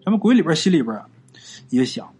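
A man narrates a ghost story like he's chatting friends. His voice is a little husky and sits on the high side, and it swings up and down a lot as he tells it. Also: big pitch swings, quick pace, a little mellow. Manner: chatty, colloquial, addresses listeners as "ghost friends".

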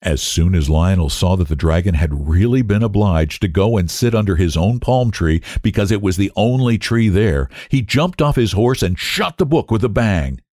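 Male kids' story narrator, low voice, very lively, dry close sound. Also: normal speed, few pauses, no room sound. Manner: expressive, lilting storytelling. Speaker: children's story podcast narrator. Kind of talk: storybook reading for children.

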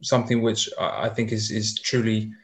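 A man's voice: fairly low pitch, little pitch movement, normal speed. A man hosting a podcast, asking long winding questions full of fillers. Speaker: podcast host. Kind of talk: podcast interview.

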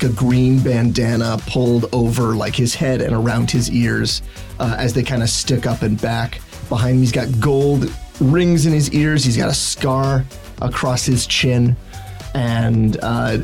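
A man narrating as game master in a halting way, with many fillers. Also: mid-range voice, darkish tone. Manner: halting, filler-heavy description.

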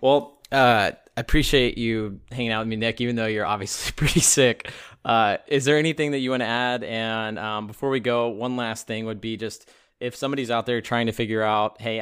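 Friendly upbeat guy hosting a podcast, lowish voice. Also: fairly bright tone, clear, resonant tone, no room sound, studio quality. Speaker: podcast host. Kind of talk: podcast interview and outro.

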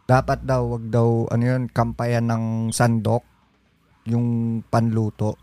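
A man in a relaxed podcast chat, explaining old sayings and answering the others with quick agreement. His pitch is middle and the sound is dry and close. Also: no room sound. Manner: explains folk sayings with ready agreement, frequent "oo". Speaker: podcast co-host. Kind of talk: casual chat.

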